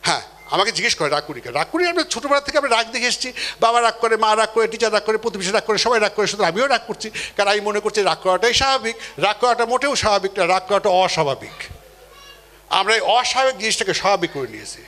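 A man delivers a motivational seminar talk in a high, bright, forceful voice. He is animated, acts out the people he quotes and keeps putting questions to the audience. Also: quick pace. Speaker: motivational speaker.

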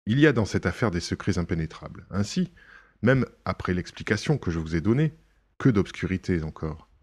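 A man doing a suave young gentleman burglar, proud and sharply ironic, his low, husky voice jumping higher when stung. It is an audiobook reading with theatrical bursts of indignation. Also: expressive, brisk. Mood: brooding. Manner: indignant outbursts, mocking irony.

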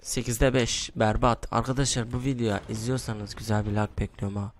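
A young man giving casual commentary while he plays a shooter game, mostly hushed because it is late at night, with sudden excited outbursts and groans. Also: mid-range voice, normal speed, slight background noise. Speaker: gaming YouTuber. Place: room at home at night.

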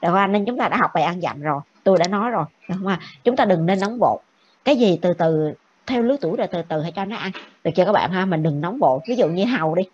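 A woman's voice: lowish voice, lively intonation. A woman teacher gives a classroom lecture, checking with the students after nearly every point. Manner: brisk, keeps checking with the class. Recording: dull lo-fi with faint noise.

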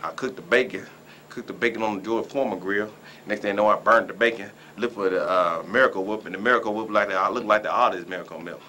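Fast, forceful, and bright despite a fairly low pitch, this Dayton, Ohio man in his forties brags and rambles through comic monologue and banter on a local talk show. The small indoor room has slight background noise.

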